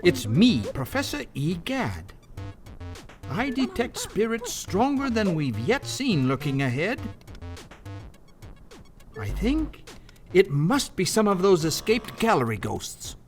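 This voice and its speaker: High-voiced quirky old Professor E. Gadd. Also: male voice, wildly swooping pitch, slow, long pauses, faint music behind, exaggerated voice. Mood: helpful, cautioning. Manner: folksy, quirky, explanatory. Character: eccentric elderly male professor, folksy and helpful. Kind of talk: fan dub of a video game.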